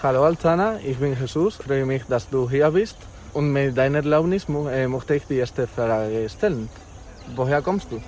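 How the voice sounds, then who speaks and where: A man, a student interviewer asking questions politely and a bit haltingly. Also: mid-range voice, animated, a little mellow, a little hiss or hum. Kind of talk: classroom interview.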